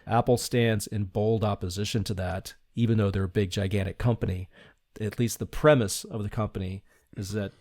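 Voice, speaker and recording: Speaking with a fairly low pitch and a darkish tone, a middle-aged podcast guest who leads in design reflects earnestly at a moderate pace. His intonation stays fairly even, and he occasionally lets out a light laugh during the conversational interview. The studio-quality recording is dry.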